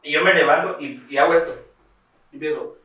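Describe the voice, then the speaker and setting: A young man, telling a funny story in casual chat. He is animated and slangy, laughing as he goes. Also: fairly high pitch, fairly quick. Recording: echoey room, mic far off.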